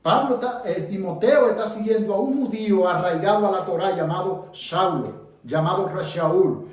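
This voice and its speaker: The Dominican Bible teacher here has a high-pitched voice at a moderate pace. He leads an interactive study with a Dominican Spanish accent, questioning his group and pressing points emphatically, and the audio comes from far off in an echoey room.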